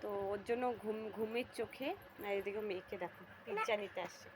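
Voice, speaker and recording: A woman's voice: medium pitch, a little fast, background noise. A young woman chatting casually to viewers about her household chores in a vlog. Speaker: vlogger. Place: rural home and riverside.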